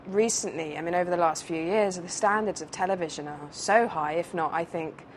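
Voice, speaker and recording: British actress rambling thru an interview, lowish voice, faint noise behind. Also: female voice, fairly quick. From United Kingdom. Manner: chatty, rambling with many fillers and restarts. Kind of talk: casual interview chat.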